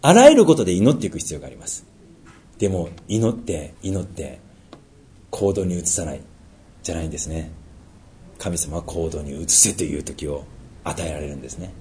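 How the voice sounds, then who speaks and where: A man preaching a sermon as pastor. He asks rhetorical questions and swings from loud emphasis to near-whispers. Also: sits low, big pitch swings, normal speed, long pauses.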